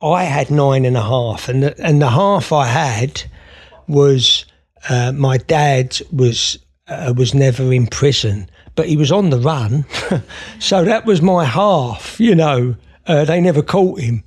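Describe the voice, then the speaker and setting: A Scottish man, a therapist and author, guests on a podcast in a conversational interview. His medium-pitched voice is slow, and he talks openly and at length with many fillers and restarts.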